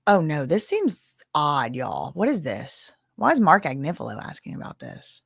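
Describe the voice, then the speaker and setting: A low-pitched, creaky woman's voice with a breathy edge swings hugely in pitch while keeping a normal speed. The echo-free recording is studio quality. She hosts a laid-back livestream recapping trial testimony, chatting, reading the chat, and gasping and exclaiming.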